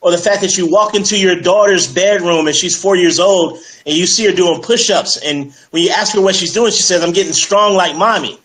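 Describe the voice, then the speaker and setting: A male fitness coach speaks as a guest in a casual interview. His voice sits a little high, and he talks with persuasive energy, filling pauses with "you know" and "um". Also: fairly bright tone, low-quality recording. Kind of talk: casual interview on a live stream.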